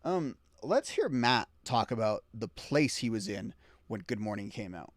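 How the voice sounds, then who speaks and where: A man hosting a podcast, chatting casually about music, swinging between excited bursts and quiet asides. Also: on the low side, measured pace, dry recording. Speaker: podcast host.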